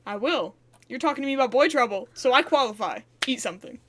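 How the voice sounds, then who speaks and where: A woman's voice: high-pitched, lively intonation, fast talker, background noise. A woman voicing a blunt, teasing young male best friend, speaking in a matter-of-fact way.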